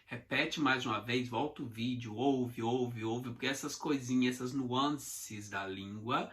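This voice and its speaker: A man's voice: medium pitch, sharp tone. A Brazilian man teaching English in a casual video lesson, chatty and repetitive, talking straight to his viewers. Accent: Brazilian Portuguese. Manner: chatty, repeats phrases, addresses viewers directly.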